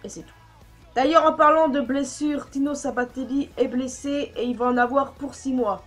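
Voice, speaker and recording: High-voiced woman, blunt vlog commentary. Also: moderate pace, faint music behind. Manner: opinionated, blunt, with casual swearing. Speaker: YouTuber. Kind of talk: casual news commentary vlog.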